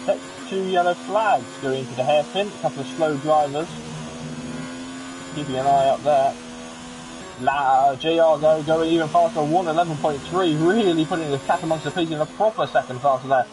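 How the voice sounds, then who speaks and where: A man giving live commentary on a racing league, excitable and chatty with joking asides. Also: on the high side, normal speed. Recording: game engine noise under the voice. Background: racing car engine sounds from the game.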